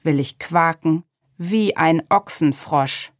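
A woman's voice: low-pitched, slow pace, no echo, clean studio sound. A woman voicing a small, clever apple witch in a storybook reading, talking in a thoughtful, confident way.

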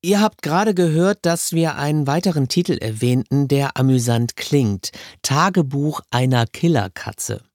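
A man's voice: on the high side, lively intonation, normal speed, few pauses, a little mellow, no room sound, studio quality. A man hosting an audiobook show, giving a chatty, scripted presentation with light amusement. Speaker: podcast host presenting audiobooks.

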